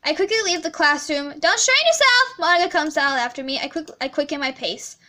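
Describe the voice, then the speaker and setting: A woman's voice: high-pitched, brisk, sharp tone. A woman playing a horror game on her channel, reading the story aloud in a scared, stammering voice with nervous laughs. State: scared, heart racing. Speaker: gaming channel host. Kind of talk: let's play, reading a visual novel aloud.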